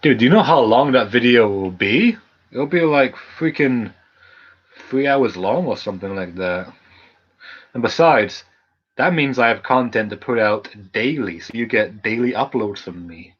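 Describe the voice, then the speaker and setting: A man's voice: medium pitch, lively intonation, moderate pace, breathy edge, dull audio. A man hosting his channel's Q&A stream, rambling casually with lots of fillers and restarts. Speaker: channel host. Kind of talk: casual live Q&A chat.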